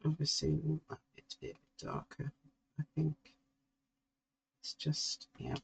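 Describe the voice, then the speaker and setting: A middle-aged woman, slowly talking through a drawing as she works and musing to herself. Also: deep voice, fairly even intonation, vocal fry, slight background noise, rough recording. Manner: slow, musing, talks to herself while drawing. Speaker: art tutor. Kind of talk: relaxed painting tutorial.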